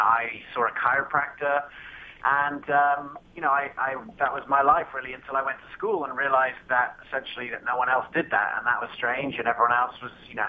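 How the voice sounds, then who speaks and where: A man in his thirties from England, a guest answering interview questions in a casual, hesitant way with many fillers and restarts. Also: medium pitch. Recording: tinny phone line with faint noise.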